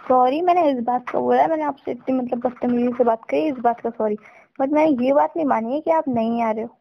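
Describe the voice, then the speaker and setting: A woman's voice: sits high, vocal fry. A young woman playing an insistent, stubborn girlfriend arguing on a phone call in a scripted drama. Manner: pushy, insistent, quick-talking. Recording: dull, dry lo-fi recording.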